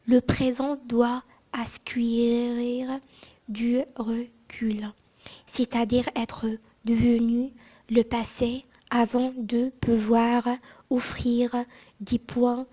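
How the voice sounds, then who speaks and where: In a soft, hushed ASMR whisper, like someone in a library, a woman reads aloud from a book. Her voice is on the high side and mostly unvoiced, with careful phrasing and small pauses.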